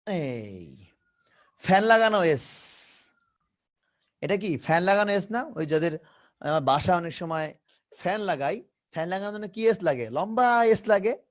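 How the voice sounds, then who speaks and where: A man's voice: high voice, expressive, normal speed. A man from Bangladesh teaching an English phonetics lesson, drilling each sound over and over and mixing English words into his talk. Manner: drills sounds by repeating them many times.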